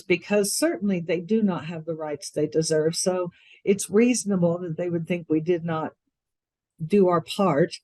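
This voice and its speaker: A woman's voice: fairly low pitch, darkish tone, no echo. Engaged woman podcast host. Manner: engaged, emphatic, quick to react. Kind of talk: casual interview conversation.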